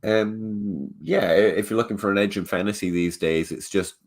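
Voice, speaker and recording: A fantasy football podcast host with a low, steady voice and a stuffed-up nose breaks down stats in analytical podcast talk. He's measured and data-driven, with a dry sense of humor.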